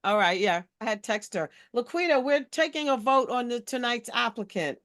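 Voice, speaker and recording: A woman's voice: on the high side, lively intonation, normal speed, fairly bright tone, no echo, clean studio sound. A woman leading a community board committee meeting over a video call, recapping matter-of-factly in a loose, conversational way.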